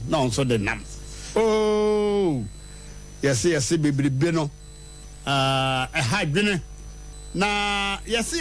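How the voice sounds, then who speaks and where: A man hosting a radio show, telling a story in a lively way and leaping high in pitch for punchlines. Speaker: radio host. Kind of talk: animated radio storytelling and proverbs. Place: radio studio.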